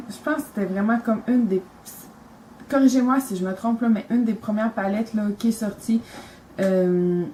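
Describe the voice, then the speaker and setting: A woman's voice: medium pitch, a little mellow, a little hiss or hum, poor audio. A young woman with a Quebec French accent, talking casually and enthusiastically about her makeup, rambling with lots of fillers. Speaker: beauty vlogger.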